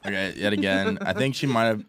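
A man co-hosting a casual chat, blunt and teasing, reacting quickly to the others. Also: lowish voice, a bit bright. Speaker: podcast co-host.

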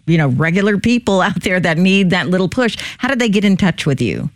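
A woman's voice: lowish voice, expressive, a little fast, no echo, studio quality. A middle-aged woman hosting a casual, conversational interview. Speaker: interview host.

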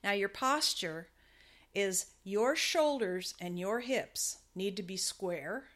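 A woman's voice: mid-range voice, fairly bright tone. A woman explaining riding basics in a chatty, step-by-step way, correcting herself now and then. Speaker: riding instructor. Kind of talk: casual instructional talk.

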